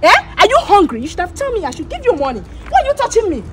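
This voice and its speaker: A woman's voice: very high-pitched, big pitch swings, fast, heavy background noise. A woman playing a haughty, scornful young woman. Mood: contemptuous. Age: young adult. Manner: scornful, shouting insults. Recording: loud music over the dialogue.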